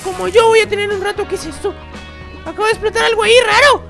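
A performer voicing Bebe Timo, an excitable, dramatic baby boy with squeaky, shrieking outbursts, in a Minecraft role-play. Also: quick pace, creaky, faint music behind, exaggerated voice. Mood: excited. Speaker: host.

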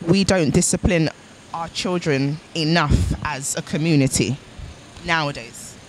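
A woman interviewing a passer-by on a city street, asking calm probing questions. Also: sits low, unhurried. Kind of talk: vox pop interviewing. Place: busy city street outdoors. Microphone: handheld mic held toward the guest, away from her. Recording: distant voice with faint street traffic. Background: faint traffic and street ambience.

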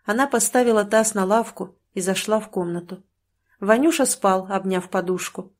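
A woman narrating an audiobook in a calm, measured storytelling manner. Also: medium pitch. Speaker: audiobook reader.

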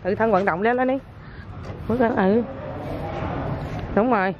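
A woman's voice: mid-range voice, unhurried, lo-fi sound, background noise. Mother prompting her child outdoors. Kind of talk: casual family chat.

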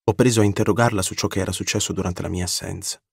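A man narrating a classic novel as an audiobook, with an expressive, dramatic reading. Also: low-pitched, rapid-fire, gravelly, breathy edge, dry recording, clean studio sound. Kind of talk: scripted literary narration.

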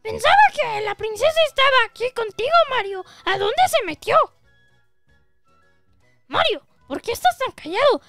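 A woman voicing a fussy little male mushroom retainer from a video game, reading his dialogue aloud with a squeaky, sing-song voice. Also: animated, normal speed, vocal fry, music in the background, exaggerated voice. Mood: fussing.

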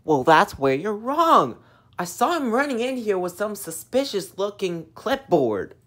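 A woman voicing a grumbly, hotheaded young male echidna for a plush toy fan show, talking loudly and insistently. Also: mid-range voice, big pitch swings, measured pace. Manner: loud, insistent and defensive.

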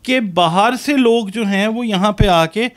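A man with a Pakistani accent, an astrologer and business professor giving measured, explanatory interview answers sprinkled with English terms. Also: high voice.

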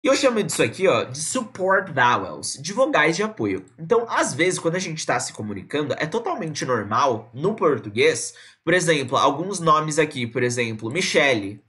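A man from Brazil teaching a live online English lesson, casual and chatty, repeating words slowly to model pronunciation. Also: a little high, very animated, a bit bright. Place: indoors at a computer, streaming live.

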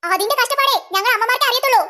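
Brief: a performer playing a put-upon cartoon big sister, grumbling, very high-pitched. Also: very fast, sharp tone. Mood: complaining. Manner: complaining, exasperated. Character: put-upon eldest daughter Lachu.

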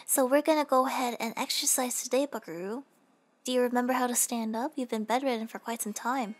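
A woman's voice: on the high side, brisk, lightly acted. A woman playing a teasing young nurse in a casual, joking, rambling comedic role-play. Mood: flippant, chatty. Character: teasing, flippant young female nurse questioning a patient.

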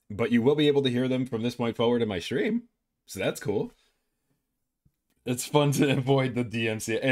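A man streaming live as a VTuber, chatting casually in a playful, rambling way and swearing freely. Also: medium pitch.

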